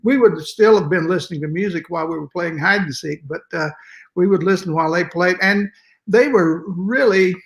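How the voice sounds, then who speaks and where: Older man with high-pitched West Texas twang. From West Texas, United States. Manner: folksy, halting storytelling. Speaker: interview guest, music educator. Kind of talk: conversational reminiscing.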